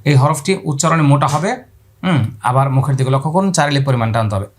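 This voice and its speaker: A man with a medium-pitched voice speaks fast as he teaches Quran pronunciation. He repeats letter sounds aloud and asks viewers to watch his mouth in this spoken lesson on pronouncing letters.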